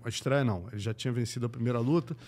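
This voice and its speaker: A middle-aged Brazilian man with an accent from home, spinning a story as a podcast guest. His speech is slangy and salted with curses, and it jumps from loud bursts to near-whispers. His pitch sits in the ordinary middle for a man. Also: racing. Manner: slangy, profane, swings between loud and hushed, acts out quotes. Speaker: podcast guest, combat sports journalist. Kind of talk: animated anecdote telling.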